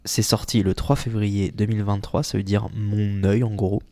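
A man with a fairly low voice presents a music show on air from a radio studio. He speaks into a studio microphone in a loose, casual way. He stumbles often, fills gaps with filler sounds and corrects himself mid-sentence. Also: level tone, moderate pace, dark tone. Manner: hesitant, full of fillers and self-corrections.

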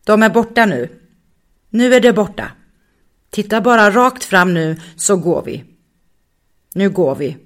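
A woman's voice: mid-range voice, animated, pauses often, lightly acted. A woman doing a stern, bossy guide. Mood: calming. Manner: firm and commanding.

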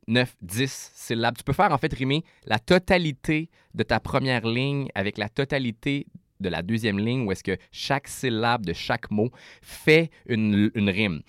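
A man with a Québécois French accent, a rapper guest explaining rhyme in a casual interview, animated and full of restarts. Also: mid-range voice, no room sound, studio quality.

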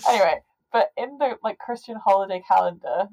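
A woman's voice: medium pitch, fairly quick, warm tone, poor audio. Chatty woman recapping a film. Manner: chatty, recounting scenes with playful asides. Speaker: podcast co-host. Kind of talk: casual film review chat.

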